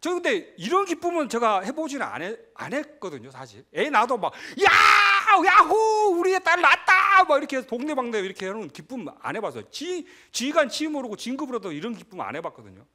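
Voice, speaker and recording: A middle-aged man preaching a sermon as pastor, conversational and animated, breaking into shouts and laughter. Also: very high voice, quick pace, hardly any pauses.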